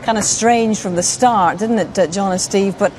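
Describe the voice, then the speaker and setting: Female sports presenter, conversational, medium pitch. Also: normal speed, a little mellow, slight background noise. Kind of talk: live studio-style sports presenting.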